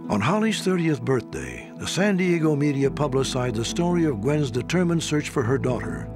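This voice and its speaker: A man's voice: on the high side, sing-song, moderate pace, music in the background. A man narrating a documentary in a grave, dramatic manner.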